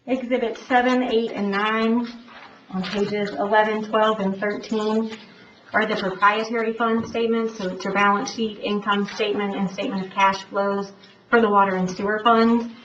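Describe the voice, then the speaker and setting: A woman's voice: mid-range voice, flat delivery, normal speed, fairly bright tone. A woman speaking through a face mask, giving a formal report presentation as an auditor. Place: public board meeting room. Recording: echoey room, distant mic, dull, faint noise.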